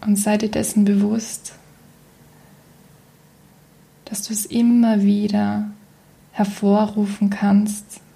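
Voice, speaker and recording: With a mid-range voice kept soft and breathy, nearly a whisper, a woman leads listeners through a guided meditation. She stays calm and soothing, pausing at length.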